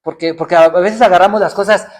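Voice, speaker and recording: A man's voice: high-pitched, fairly even intonation, fast talker. A middle-aged man preaching a sermon, firing off rhetorical questions and acting out people's excuses. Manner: rhetorical questions, acts out excuses in other voices.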